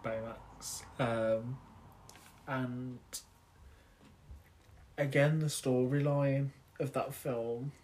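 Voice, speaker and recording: Slow-talking man musing. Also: mid-range voice. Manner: relaxed, thoughtful, hesitant with fillers. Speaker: podcast co-host. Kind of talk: casual chat.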